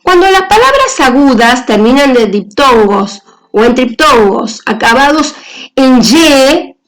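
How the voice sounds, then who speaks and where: A woman's voice: sits high, very animated, a little slow. A woman teacher giving a grammar lesson on accent marks, talking carefully through example words on slides.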